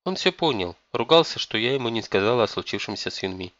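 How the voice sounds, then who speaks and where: A man voicing a weary, ashamed middle-aged mother who speaks softly and sadly. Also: mid-range voice, lively intonation, fast, no room sound, dull audio, lightly acted. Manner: soft, sorrowful.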